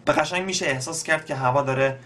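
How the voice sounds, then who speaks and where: Young Iranian man, slightly high voice, casual tutor who pauses often with fillers. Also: fairly bright tone, slight background noise. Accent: Iranian Persian. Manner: explains step by step with many pauses and fillers. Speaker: beatbox teacher.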